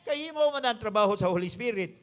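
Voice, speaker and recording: A man's voice: high-pitched, expressive, brisk, fairly bright tone. A male pastor with a Visayan Filipino accent, preaching an emphatic sermon that moves between English and his local language.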